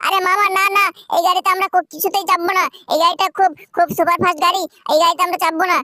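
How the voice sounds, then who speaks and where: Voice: extremely high pitch, level tone, rapid-fire, sharp tone, dry recording, clean studio sound. A performer voicing the cheeky little boy Shinchan in a playful, pleading way during a game video.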